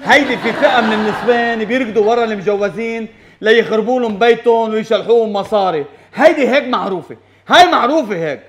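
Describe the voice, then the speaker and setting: A man staging a loud phone call as a hidden camera prank, soothing and then ranting. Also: high voice, quick pace. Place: busy shop or cafe. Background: customers chatting.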